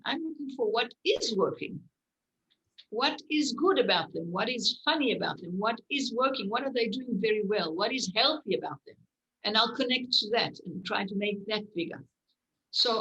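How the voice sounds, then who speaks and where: A woman being interviewed, telling a long story in a lively way. She stops and restarts her sentences and fills pauses with "um" and "uh", and she acts out the lines she once said. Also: a little high, poor audio. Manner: many fillers and restarts. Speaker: medical clown.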